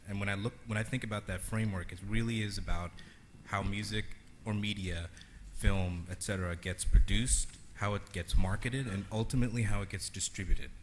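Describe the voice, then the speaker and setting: A man's voice: on the low side, slight background noise. A man from Sri Lanka giving an earnest conference talk, with many fillers and restarts. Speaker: conference keynote speaker.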